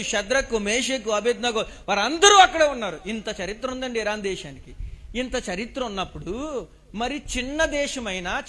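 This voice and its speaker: A male preacher giving a sermon, who keeps firing questions at the congregation and urging them to answer loudly. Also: high voice. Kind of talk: Telugu sermon with call-and-response questions to the congregation.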